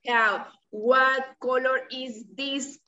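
A young woman, a native Spanish speaker, teaches small children in a slow, simple, encouraging way, as if talking to a toddler, having them repeat words. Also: high voice, fairly even intonation, sharp tone. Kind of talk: preschool vocabulary lesson for repeat-after-me practice. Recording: distant, slightly muffled video-call audio.

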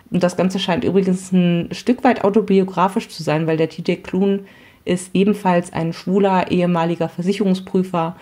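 A woman's voice: lowish voice, warm tone. A woman hosting a podcast, reviewing a book in a frank, chatty way. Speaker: podcast host.

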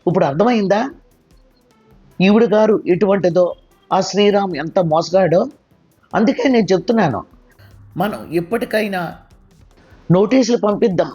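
Man doing a fiery young woman, scolding, high husky voice, dull lo-fi, faint music. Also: measured pace, long pauses, darkish tone. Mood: angry. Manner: scolding, urgent, pleading.

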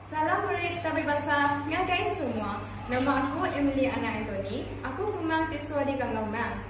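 An eighteen-year-old woman recites a prepared pageant introduction in a high voice. She is distant from the mic in a very echoey space, with clear ambient noise behind her. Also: animated, normal speed. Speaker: pageant contestant. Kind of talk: scripted self-introduction.

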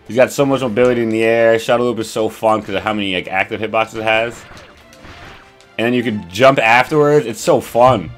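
Laid-back young man hyping game moves. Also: mid-range voice. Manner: enthusiastic, rambling, laid-back slang. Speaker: gaming channel host. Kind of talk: casual game tutorial commentary.

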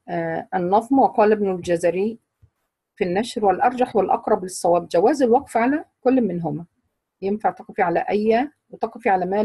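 A woman with an Egyptian Arabic accent explains recitation rules to her class in a patient, teacherly way, stopping now and then to quiz her students. Her voice is husky and mellow, and it sounds dry and close. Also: mid-range voice, no room sound.

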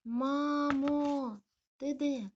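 A woman doing an excited little corgi puppy. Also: on the high side, moderate pace, highs cut off, a little hiss or hum, voice pushed up. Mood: scared. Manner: eager, pleading, calling out.

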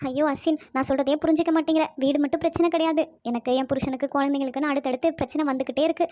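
A woman's voice: high-pitched, fairly even intonation, rapid-fire, darkish tone, dry recording, natural voice. Woman doing a worried, pleading cartoon friend. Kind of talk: cartoon comedy voice acting.

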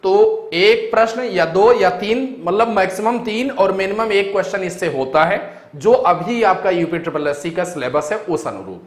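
Man teaching grammar at a board, high voice, step-by-step explanation, echoey room. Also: expressive, normal speed. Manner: explains step by step, often checks understanding. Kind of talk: exam-prep grammar lecture.

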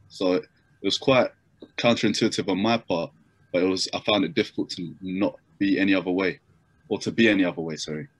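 Audio quality is poor as a young man from Japan, speaking in a low-pitched voice, gives a casual video-call interview from his bedroom. He tells his story with many fillers and false starts. The sound comes through a laptop webcam mic, without echo.

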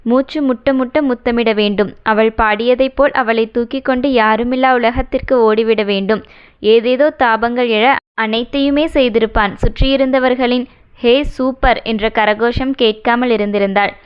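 A woman reading a romance novel aloud as an audiobook narrator, in a steady storytelling manner. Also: a little high, moderate pace, clean tone, highs cut off.

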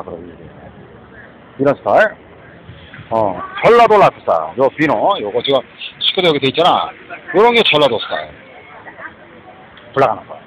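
A man rambles on in a loose, muttering monologue, drifting off and prodding with a questioning "eh?". His voice sits slightly high and leaps around animatedly. Faint street traffic hums in the background. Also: a bit bright, rough recording. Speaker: street vlogger.

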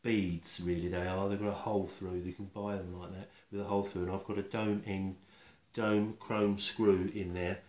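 With little pitch movement and a darkish tone, this older woodworker speaks low while giving a casual step-by-step demonstration of his build, halting and matter-of-fact as he thinks aloud. Recorded in a concrete-block workshop and house room, the sound is echoey with faint noise and handling clicks.

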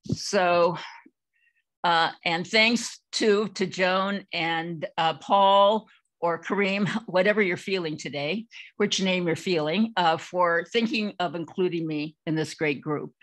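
A woman's voice: on the low side, a bit bright. A woman from California reading her poems over a video call, chatting between poems with many fillers. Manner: unhurried, with filler-laden asides between poems. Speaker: featured poet.

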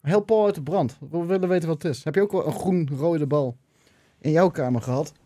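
A man's voice: on the high side, fairly quick, warm tone, no echo. A man, a guest on a podcast, in casual chat, telling stories loosely and with plenty of swearing. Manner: loose, swearing, anecdotal storytelling.

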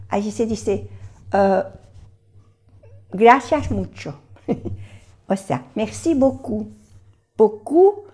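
Slow, high-voiced older woman teaching French. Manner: repeats each word slowly, then translates. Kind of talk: slow pronunciation lesson.

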